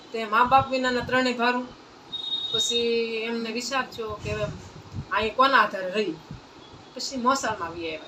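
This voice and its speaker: At a satsang, a devotional storyteller recounts a saint's life in a plain folk style, repeating phrases as she goes. Her voice is fairly high and bright, with a forceful tone. The mic is distant and picks up faint ambient noise.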